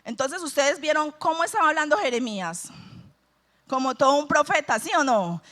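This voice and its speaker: A woman's voice: high voice, expressive, normal speed, fairly bright tone. A woman preaching a sermon at a church service, reading scripture and asking her listeners questions in a conversational way. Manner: conversational, asks the congregation questions.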